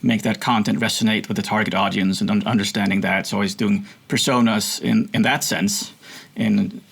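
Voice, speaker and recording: Gravelly husky-voiced Swedish man. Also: fairly low pitch, steady tone, normal speed, fairly bright tone. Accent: American-sounding, from international schools. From Sweden. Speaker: guest. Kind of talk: conversational interview.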